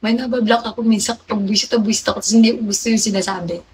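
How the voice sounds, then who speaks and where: A young woman on a casual livestream rattles along very fast in a medium-pitched, darkish voice with fairly even intonation. Chatty and confiding, she reads viewer names and replies to them, and the low-quality audio has a faint hiss or hum.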